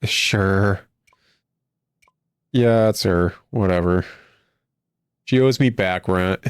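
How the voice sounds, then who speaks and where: A man with a deep voice speaks extremely slowly in a clean, studio-quality recording with no room sound. He gives a casual, blunt critique of a video game, sarcastic and exasperated, and reads cutscene dialogue aloud along the way.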